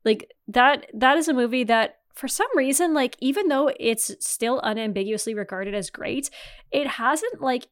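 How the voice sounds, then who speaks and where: A woman in her thirties hosting a podcast, talking casually and enthusiastically, with plenty of "like" and some swearing. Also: a little high. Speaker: podcast host. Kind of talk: casual chat.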